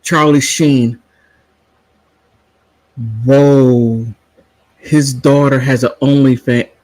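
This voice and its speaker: A man's voice: mid-range voice, steady tone, very slow, a little mellow, no room sound, poor audio. A middle-aged man chatting in a casual vlog, sassy and digressive, wandering off topic and back. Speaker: vlogger.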